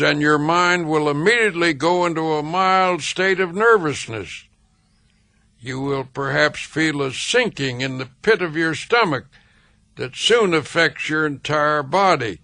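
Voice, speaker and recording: Slow, soothing male audiobook narrator. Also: fairly high pitch, pushed and bright, no room sound. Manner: slow, measured and soothing, with deliberate pauses. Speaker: audiobook reader. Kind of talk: scripted narration of a self-help book.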